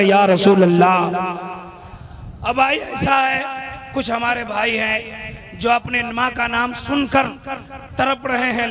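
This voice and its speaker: Male preacher, high register, loud coaxing fundraising appeal, crowd audible behind. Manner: loud, coaxing and exhorting, breaking into shouts. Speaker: Islamic preacher raising funds at a religious gathering. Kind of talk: fundraising appeal at an open-air religious meeting.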